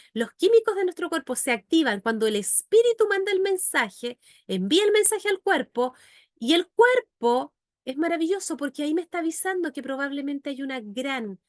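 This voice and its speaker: High-pitched woman teacher, earnest faith-based talk, keeps asking the audience questions, dry close sound. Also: no room sound. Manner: earnest, addresses listeners directly with rhetorical questions. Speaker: psychologist and educator.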